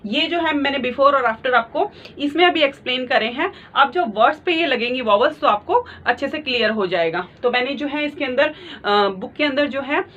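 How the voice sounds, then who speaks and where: A woman teaching a shorthand lesson slowly and patiently, repeating each point and mixing English terms into her Hindi. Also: high-pitched, expressive, fairly bright tone. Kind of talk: explaining lesson at a board. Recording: muffled lo-fi audio.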